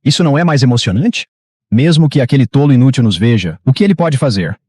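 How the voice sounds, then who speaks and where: A man's voice: mid-range voice, expressive, fast talker, dark tone, breathy edge, dry recording. A man voicing an arrogant, mocking young man in a story recap, read in his own plain voice. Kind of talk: recap narration quoting dialogue.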